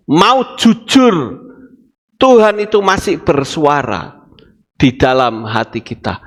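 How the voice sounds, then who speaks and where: A man with a Javanese accent preaching a sermon as a pastor, acting out dialogue with a preachy, animated delivery. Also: high voice. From Indonesia.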